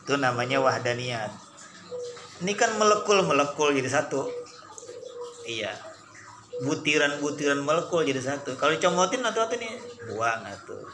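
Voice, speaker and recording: A middle-aged man, teaching an Islamic study class in a folksy, teasing way, acting out mock debates with quick rhetorical questions. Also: on the high side, lively intonation, roomy sound, noisy background. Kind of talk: casual religious study lesson.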